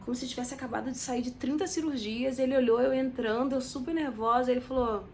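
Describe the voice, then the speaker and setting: A woman's voice: high-pitched, fairly even intonation, quick pace, darkish tone, slight background noise. A young woman, telling a story to her viewers in a chatty, dramatic way. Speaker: vlogger. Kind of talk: casual storytelling to camera.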